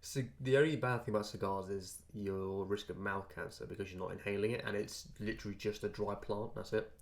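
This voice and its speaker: A man talks casually, joking and swearing. His voice sits fairly low. He explains his points with eager detail. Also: steady tone, fairly quick. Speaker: podcast co-host. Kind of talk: casual chat.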